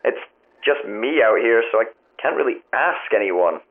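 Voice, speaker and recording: A male actor with a mid-range, expressive voice plays an affable, wry, hesitant man who tests the tower phones in a naturalistic audio drama. He sounds vague and matter-of-fact, speaking in a halting, literal-minded, politely bemused way. The audio is thin like a phone line, with music playing underneath.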